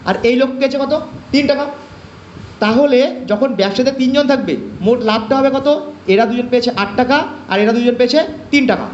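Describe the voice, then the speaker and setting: Fast high-voiced man teaching math. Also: a little hiss or hum. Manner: repetitive question-and-answer teaching. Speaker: math tutor. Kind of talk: online class lecture. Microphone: online class call. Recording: echoey, dull lo-fi online class audio.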